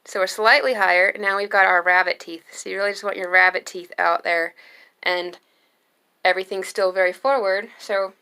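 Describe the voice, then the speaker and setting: A young adult woman giving a singing lesson, explaining slowly and calmly between sung demonstration notes. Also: mid-range voice. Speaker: singing teacher.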